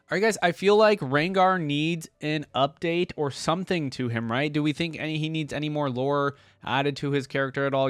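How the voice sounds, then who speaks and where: A man with a medium-pitched voice talks casually to his viewers as a reaction host, with no echo on the recording. His unscripted commentary rambles along conversationally, full of "like" and "right?".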